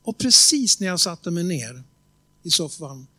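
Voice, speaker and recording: A man preaching a sermon in a conversational storytelling way, often checking whether the congregation is following and slowing down to stress key words. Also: a little high, very animated, sharp tone, slightly rough, no room sound. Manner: tells stories with quoted voices and emphatic slow stresses.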